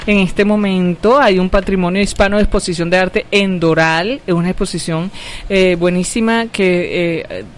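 A man's voice: sits high, fairly even intonation, moderate pace, a little hiss or hum. A man hosting a radio show, reading out event listings in a chatty way, full of fillers. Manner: chatty, filler-heavy announcer. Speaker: radio host. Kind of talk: casual radio chat. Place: radio studio.

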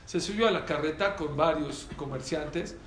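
Man, lively storytelling sermon, echoey room, faint background noise. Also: fairly high pitch, moderate pace. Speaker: religious teacher.

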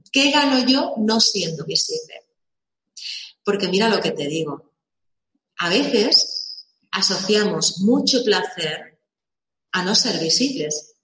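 In a mid-range, slightly bright voice, a woman gives a motivational live talk about visibility. She keeps asking rhetorical questions and repeating words for emphasis, and the recording carries a roomy echo.

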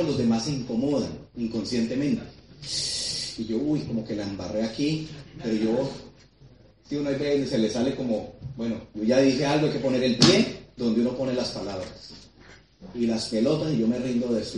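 Excitable man in an echoey hall. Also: medium pitch, slight background noise. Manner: fast, excitable storytelling with audience questions. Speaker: motivational speaker at a sales seminar. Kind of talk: storytelling seminar talk. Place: large seminar hall. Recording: very echoey hall, mic at a distance.

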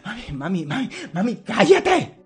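A man voicing a frantic, breathless young girl who shouts for her mother. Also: high voice, moderate pace, creaky, slightly rough, heavily acted. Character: frantic young girl, the baby's older sister.

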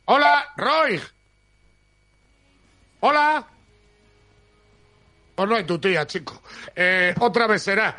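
A man with an accent from Spain presenting a sports radio show in a lively, informal, colloquial way, often repeating himself. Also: high voice, takes it slowly, pauses often. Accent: Spanish, from Spain.

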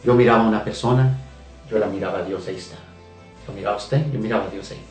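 Talking very fast in a fairly low voice, a man earnestly tells his personal faith story on a radio talk show. The emotional testimony is full of hesitations and repeated phrases. He sounds distant in an echoey room, with faint music in the background.

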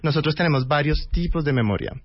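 A man explaining hearing loss as a guest expert on a radio show, calm and clear. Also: fairly high pitch, fast, dry recording. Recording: dry muffled radio sound.

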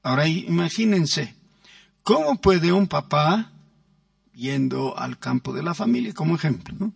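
A man's voice: on the high side, vocal fry, slightly rough, no room sound, distant mic. A man preaching a sermon as pastor, stressing words and acting out quoted voices. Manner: emphatic, drawn-out words with acted quotes.

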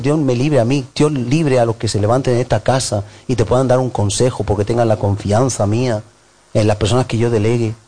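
A male pastor delivering a sermon in an animated way, acting out voices and piling up emphatic lists. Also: mid-range voice.

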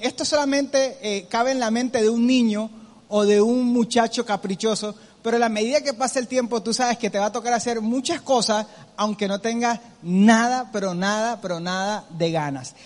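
High-voiced preacher in a hall. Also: male voice. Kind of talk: sermon.

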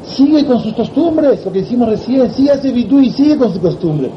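A man giving a religious talk who tells a story in lively fashion and acts out its characters, in a muffled recording. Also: extremely high pitch, brisk, a little hiss or hum. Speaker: religious teacher. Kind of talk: sermon with storytelling.

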